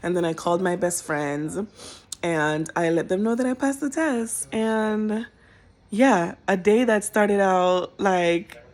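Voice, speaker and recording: A young woman telling a personal story to her viewers in a casual, animated, emotional way. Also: medium pitch, slow pace. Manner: animated, emotional, colloquial, bursts into laughter.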